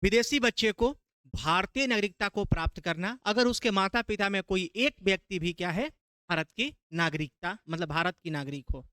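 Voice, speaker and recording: A man's voice: high-pitched, lively intonation, moderate pace, bright, forceful tone, clear, resonant tone, no echo. A man from Bihar with a Bihari Hindi accent, teaching a classroom lecture, quizzing his students and repeating key terms.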